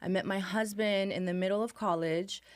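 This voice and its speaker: A woman's voice: medium pitch, fairly even intonation, normal speed, dry recording. A young woman from Mexico, a business owner, speaking candidly and upbeat as an interview guest. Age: young adult. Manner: upbeat, candid, uses fillers like "truthfully". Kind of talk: casual interview.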